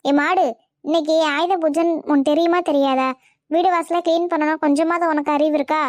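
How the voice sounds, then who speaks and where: A woman's voice: high-pitched, steady tone, brisk, no echo, studio quality, natural voice. A woman playing a bossy mother-in-law who berates her daughter-in-law in a comedy family skit. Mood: scolding. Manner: nagging, berating, scornful. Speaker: skit actor.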